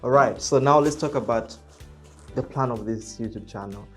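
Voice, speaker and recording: A real estate agent, not a native English speaker, vlogs casually to camera in English. He's reserved and soft-spoken, speaking haltingly with lots of fillers and self-corrections in a mid-range voice, and faint music plays in the background.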